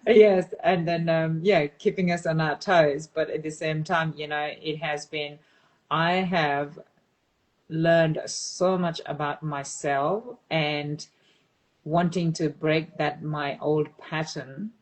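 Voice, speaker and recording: A woman from Nepal hosting a live online conversation, warm and enthusiastic, her voice rising when excited. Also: deep voice, slow, low-quality recording. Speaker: host.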